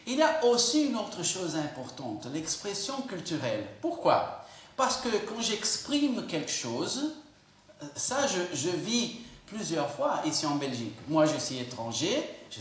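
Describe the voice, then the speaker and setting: Animated Brazilian-born preacher in an echoey church. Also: male voice, fairly high pitch, slight background noise. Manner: animated, acts out quoted voices. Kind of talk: sermon.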